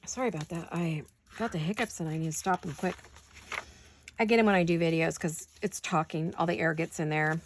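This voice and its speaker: Chatty woman with a gravelly voice. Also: lowish voice, brisk, a little hiss or hum. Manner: chatty, rambling, talks to herself as she works. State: hiccups. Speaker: crafting channel host. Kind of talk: casual crafting chat while working.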